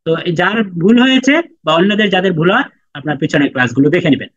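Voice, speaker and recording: Man, Quran reading teacher, patient, repeats sounds slowly, dry dull sound. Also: fairly high pitch, sing-song, husky, no echo. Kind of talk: online class lesson.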